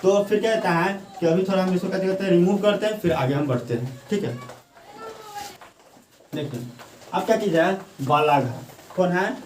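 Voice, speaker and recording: A male Hindi grammar teacher gives a class lecture, often asking questions and answering them himself, and slowly repeating points for dictation. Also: high-pitched, darkish tone, slight background noise. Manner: slow, drawn-out dictation at times. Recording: echoey room, voice from the mic's far side.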